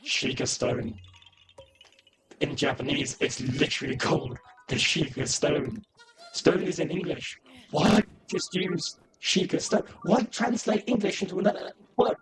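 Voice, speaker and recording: Higher-pitched pedantic man over prominent music. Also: fairly even intonation, unhurried. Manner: pedantic, sweary, interjecting. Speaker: commentator in a video essay. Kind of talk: comedic critical game commentary.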